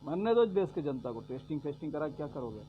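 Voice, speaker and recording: A man giving a sarcastic political rant, repeating his points and swinging between loud jabs and low mutters. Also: big pitch swings, quick pace. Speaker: vlogger giving political commentary. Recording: dull lo-fi audio with faint hum.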